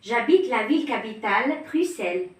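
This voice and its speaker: A woman's voice: on the high side, animated, moderate pace. Echoey, distant woman reading scripted lines. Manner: reads short scripted lines plainly. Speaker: dialogue reader in a lesson. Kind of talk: scripted learner dialogue. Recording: very echoey room, voice from far off.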